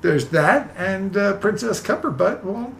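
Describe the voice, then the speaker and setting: A man's voice: sits high, animated, a little slow, vocal fry, reverberant, slight background noise. A man playing a tabletop game, rambling and joking in character. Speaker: player. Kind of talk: casual tabletop role-play.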